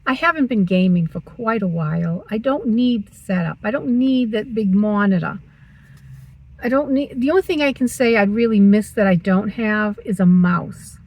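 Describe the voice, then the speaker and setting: A woman's voice: medium pitch, expressive, normal speed, darkish tone, poor audio. A woman in her sixties vlogging from her parked car, chatty and teasing herself as she talks. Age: 60s. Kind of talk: casual chatty vlog.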